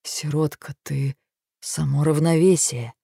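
A woman voicing an intense male warrior lover in an audiobook, speaking in a low, even manner. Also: unhurried, creaky, breathy edge, no room sound, studio quality, full character voice.

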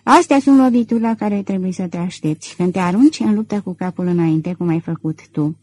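Woman voicing a suave gentleman thief. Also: lowish voice, close to an everyday voice, poor audio. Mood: gently warning. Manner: self-assured, cool and controlled. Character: suave middle-aged male gentleman thief. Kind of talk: audiobook character reading.

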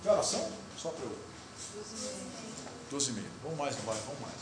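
A male lecturer talks a class through a lesson, pausing to put questions to the students as he draws. He is caught from the back of a big, echoing lecture hall. A steady hiss of noise sits under his voice. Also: medium pitch, distant mic. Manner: explains step by step while drawing on the board, asks the class questions. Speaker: university lecturer. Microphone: recorder far off in the room. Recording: echoey hall recorded from afar, noisy.

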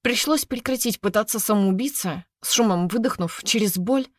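A woman narrating a first-person novel in a steady, expressive storytelling voice. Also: mid-range voice, normal speed, dry recording, studio quality. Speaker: audiobook narrator.

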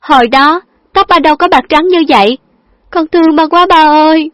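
A woman voicing a lively, affectionate young woman who is playful and teasing, with a chirpy, coaxing manner. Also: on the high side, moderate pace, no echo, voice pushed up, natural voice. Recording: dull lo-fi dry recording.

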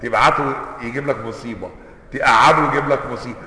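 Egyptian male sheikh teaching, chants the examples and keeps checking the room with quick questions, bright edgy tone, long hall reverb. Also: mid-range voice. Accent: Egyptian Arabic. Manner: chants recited examples, then quizzes listeners with quick rhetorical questions. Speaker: sheikh teaching a classical text. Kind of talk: religious lesson on Quranic recitation.

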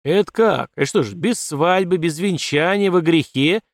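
A stubborn old colonel, played by a male audiobook reader, growling and grumbling at his daughter in a raised, gruff voice. The recording is dry and close, with no room sound. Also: on the high side, sing-song, brisk, dry recording, voice pushed up. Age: older. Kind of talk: audiobook character voice.

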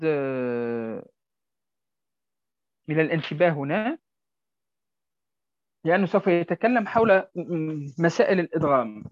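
A male Quran recitation teacher giving a tajweed lesson on a poem, slowly drawing out and repeating example words. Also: a little high, no echo. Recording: dry, dull lo-fi sound.

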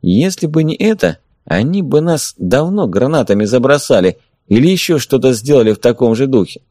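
A sardonic blind stalker with a dry, mocking edge, put on by a man reading an audiobook. He raises his voice to taunt, pitch climbing high and swinging widely, in a dry close recording. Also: lively intonation, fairly quick, warm tone, no echo, lightly acted. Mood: persuasive. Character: blind male stalker, calm, sardonic, lecturing. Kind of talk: audiobook character voice.

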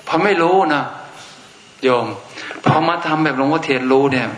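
A man's voice: fairly high pitch, normal speed. A man, a Buddhist monk, giving an informal Dharma talk in a blunt, outspoken way. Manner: blunt and outspoken, with frank everyday speech. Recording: echoey room with faint noise.

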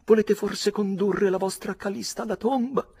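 A man voicing a melodramatic noblewoman widow, pleading in a high falsetto. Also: steady tone, normal speed, creaky, a little mellow, husky, full character voice.

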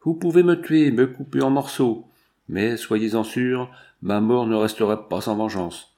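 A man's voice: mid-range voice, measured pace, mellow, lightly acted. A man voicing a defiant young English captive who speaks in indignant outbursts. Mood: furious.

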